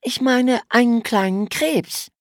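A woman voicing a lively young girl who cares about the sea, talking in a high, eager voice. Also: slow, no room sound, clean studio sound. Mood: excited. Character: young girl, lively eco-minded sister.

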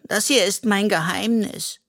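A storyteller voicing a small, sensitive male raccoon in a children's audiobook with a high, plaintive voice. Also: a little slow, fairly bright tone. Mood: pleading. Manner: sighing, sheepish, then proud.

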